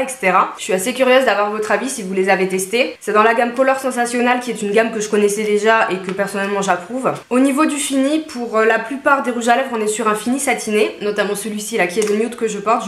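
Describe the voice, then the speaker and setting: A woman's voice: on the high side, echoey room. A woman reviewing beauty products in a chatty, casual vlog from her home, with frequent fillers and asides. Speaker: beauty vlogger.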